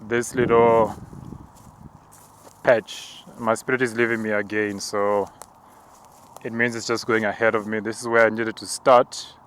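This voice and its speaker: Man, preacher, slow, hushed, monotone, halting, walking outdoors. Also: lowish voice, slight background noise. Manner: slow, hushed, halting and contemplative, with tongues-like words. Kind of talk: spoken prayer walk, narrated visions.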